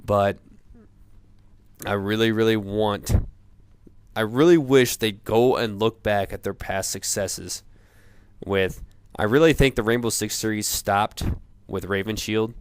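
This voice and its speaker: A man in a profane off-the-cuff gamer rant, sounding drunk, rambling haltingly and repeating himself. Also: on the low side, clean tone, dry recording. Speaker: gamer ranting about video games.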